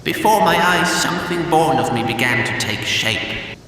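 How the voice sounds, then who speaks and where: A man's voice: on the high side, expressive, moderate pace, close to an everyday voice. A man narrating as a haunted, guilt-ridden Pac-Man who has devoured the ghosts, telling the tale in a brooding, grim first-person voice. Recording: distant, echoey hall with faint hiss.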